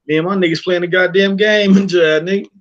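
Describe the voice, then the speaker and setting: A man on a round table panel, talking loudly and emphatically with heavy profanity. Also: high voice, steady tone, a little fast, muffled recording. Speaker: panel guest. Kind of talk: casual round table chat.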